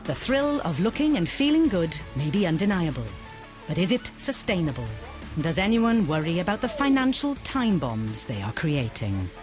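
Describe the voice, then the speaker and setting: A woman's voice: fairly low pitch, big pitch swings, moderate pace. A woman reading scripted documentary narration in a wry, playful way. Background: background music.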